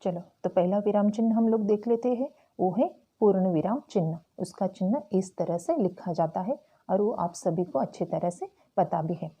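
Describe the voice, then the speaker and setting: A woman teacher explaining a Hindi grammar lesson slowly and carefully to school students. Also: mid-range voice, animated, warm tone, breathy edge, highs cut off. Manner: slow, careful explaining with frequent "tो चलो".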